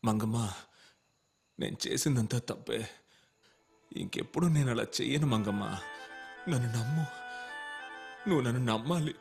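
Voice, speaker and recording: An actor dubbing a young former boxer and drinker who pleads softly, then turns defensive. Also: male voice, mid-range voice, normal speed, creaky, pauses often, husky, faint music behind. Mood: remorseful. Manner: soft pleading, turning defensive. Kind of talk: dubbed film dialogue.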